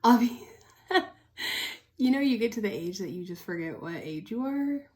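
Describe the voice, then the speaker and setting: Her mellow, medium-pitched voice carries lively intonation at a measured pace. In her early thirties and from Oklahoma in the United States, this American-accented vlogger relays a personal story in a relaxed, candid, talkative manner.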